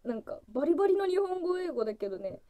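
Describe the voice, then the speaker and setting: A woman in her thirties chats on a casual solo livestream, her high voice leaping around and often spilling into giggles. Her tone is mellow and soft, and the recording is close and dry with no room sound. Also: big pitch swings, quick pace, no room sound. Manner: chatty and giggly, breaks into frequent laughter, voice jumping high. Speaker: livestream host opening fan gifts.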